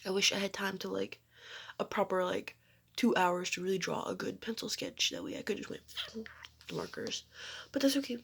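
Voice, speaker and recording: A woman's voice: mid-range voice, moderate pace, vocal fry, slightly rough. A young woman vlogging from her room at home in rambling, giggly casual chat, often dropping into a whisper.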